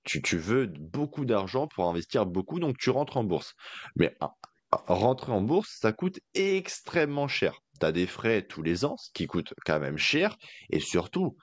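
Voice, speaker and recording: Low-voiced male podcast co-host, chatty and slangy, dry close sound. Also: very animated, a little slow, dry recording. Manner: loose and colloquial, many fillers, jokey asides. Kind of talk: casual investing podcast chat.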